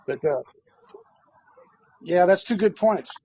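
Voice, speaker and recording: A man's voice: high voice, animated, slow, dark tone, breathy edge, no echo, muffled recording. A man calling in to a live stream, hesitant, with many fillers, correcting the host. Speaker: caller. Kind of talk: casual call-in chat.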